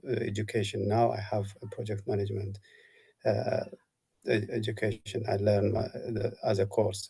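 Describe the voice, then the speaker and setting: Gravelly, husky man. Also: fairly low pitch, mellow. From Ethiopia. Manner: earnest, halting with fillers. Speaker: workshop participant. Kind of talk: casual self-introduction on a video call.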